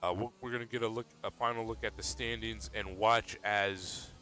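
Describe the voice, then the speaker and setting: A man commentating a sim racing league race in a relaxed, steady play-by-play manner. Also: fairly low pitch, moderate pace, a little hiss or hum. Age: adult.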